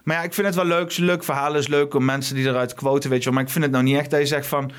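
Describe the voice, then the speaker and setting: Casual-chat man, middle pitch, stammers and repeats words. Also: steady tone, rapid-fire, smooth.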